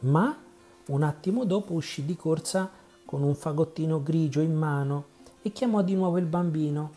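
A man reading a children's storybook aloud in a calm, measured narration. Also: on the high side, faint music behind. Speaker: audiobook reader.

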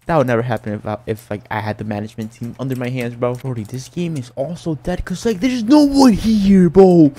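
Excitable male gamer, lively swinging voice. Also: on the high side. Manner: excitable, slangy, says "bro" constantly. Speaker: gaming YouTuber. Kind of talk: live gameplay commentary.

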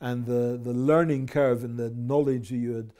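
A man in his fifties with a Scottish accent, a chief executive answering interview questions in a measured, reflective way in an office. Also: mid-range voice, fairly even intonation, dark tone. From Scotland. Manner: measured, reflective, with frequent fillers. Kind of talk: business interview. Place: office with window blinds. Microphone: lapel mic.

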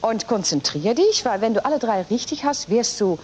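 A middle-aged woman hosting a TV quiz show in a studio. She reads questions, announces scores and chats with contestants in a brisk way. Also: fairly high pitch, sing-song, a little mellow, a little hiss or hum. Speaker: game show host. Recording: music and audience in the studio. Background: studio music and audience.

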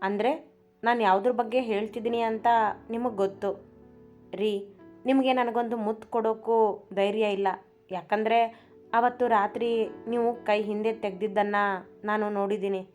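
A woman voicing a young wife who is shy yet cheeky, speaking quickly in a storybook reading. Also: medium pitch, steady tone, a little mellow, soft background music, natural voice. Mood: teasing. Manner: timid then teasing, quick delivery.

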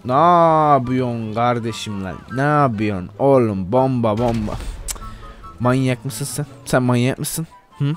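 A man narrates his gameplay in a loose, joking manner and speaks straight to his viewers. His voice sits in an ordinary middle register. Soft music plays faintly behind him. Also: medium pitch, unhurried. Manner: playful and joking, addressing viewers as "gençler". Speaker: gameplay video host. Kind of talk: casual gameplay commentary.

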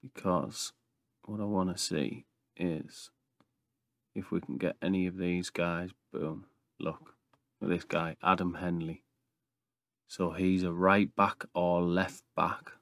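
Low-voiced, even man gaming in an attic. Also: slow pace, long pauses, no echo. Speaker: YouTube gaming host. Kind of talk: casual game commentary. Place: small brick-walled attic room.

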